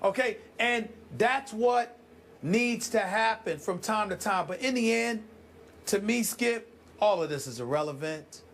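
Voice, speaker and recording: A man's voice: high voice, unhurried, fairly bright tone, slight background noise. A man hosting a heated sports debate, emphatic and dramatic, stretching out key words.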